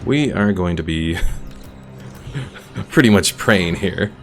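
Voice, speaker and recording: This is a male streamer with a low-pitched, animated voice, talking slowly and casually as he reasons out loud during live gameplay, with video game music in the background.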